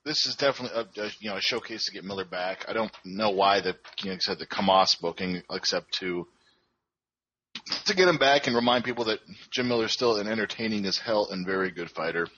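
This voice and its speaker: Low-voiced man, halting host. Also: bright, forceful tone, dull audio, a little hiss or hum. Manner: halting, stumbling starts. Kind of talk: casual fight-prediction chat.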